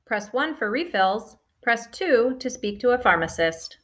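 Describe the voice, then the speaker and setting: A woman reads phone menu prompts in a polite, measured voice. Her pitch sits a little high and moves a lot. Each prompt comes out clear and even.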